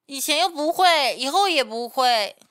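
A young woman with a high, bright voice chats casually to her livestream viewers at a close mic. Her speech is a little impeded by a swollen face, so it can come out halting. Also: lively intonation. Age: young adult. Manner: slow, halting speech for now. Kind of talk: casual chat with live viewers. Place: small indoor streaming room. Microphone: close condenser mic on boom arm.

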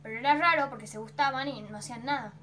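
A woman's voice: high-pitched, quick pace, bright, forceful tone, a little hiss or hum. A teenage girl with an Argentine accent telling a personal story in a chatty vlog, dramatically acting out her own reactions. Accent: Argentine Spanish. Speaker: vlogger.

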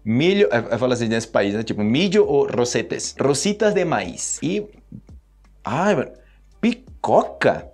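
A man's voice: mid-range voice, very animated, normal speed, darkish tone. A man from Brazil with a Brazilian Portuguese accent, giving a casual, playful video lesson and acting out sounds as he explains words. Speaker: Portuguese teacher.

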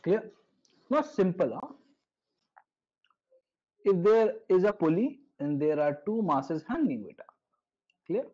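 Over a video call, a physics teacher with a North Indian accent leads a live online class, often adding short tag questions to see if students follow. He speaks slowly with long pauses in a high, warm, very animated voice, through dull, lo-fi audio.

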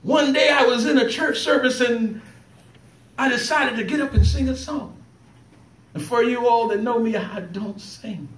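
High-voiced man preaching in an echoey church. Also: normal speed, a little hiss or hum. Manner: emotional, fervent, laughs while telling stories. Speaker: preacher giving a trial sermon. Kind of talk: testimony sermon. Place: church sanctuary. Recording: echoey church recorded from a distance. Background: congregation calling back responses.

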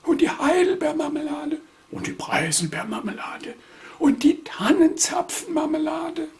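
A man voicing a small, worried, green-haired storybook creature in a whispered role-play, high and hushed. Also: big pitch swings, unhurried, heavily acted. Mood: anxious, longing.

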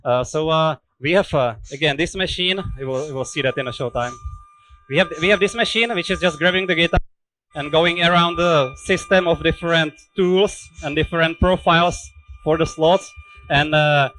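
A man's voice: on the high side, moderate pace, fairly bright tone, rough recording. A man in his thirties, a native Czech speaker talking in English, explaining guitar making on a factory tour through a headset mic, with many restarts and fillers. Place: indoor guitar workshop.

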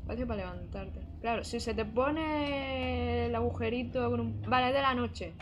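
A woman's voice: on the high side, normal speed, lo-fi sound, background noise. Chatty Spanish woman gamer. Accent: Spain Spanish. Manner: chatty, reads game text aloud, jumpy and joking. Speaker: gaming streamer. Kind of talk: casual let's play commentary.

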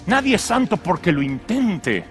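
Brief: high, lively-voiced male pastor, comic storytelling sermon, faint music behind. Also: normal speed. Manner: animated storytelling with acted voices and jokes. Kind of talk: humorous sermon.

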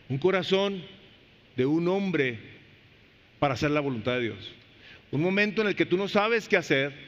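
A man preaching a sermon as pastor in a church. He questions the congregation directly and swings between soft low phrases and loud, high emphasis. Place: church sanctuary. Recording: reverberant church hall, dull lo-fi sound.

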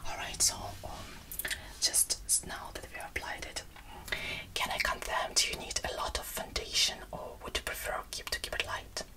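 A young woman doing a whispered role-play as a make-up artist, in a breathy, brisk, repetitive fast ASMR style. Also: distant mic, rough recording. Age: young adult. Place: small indoor room.

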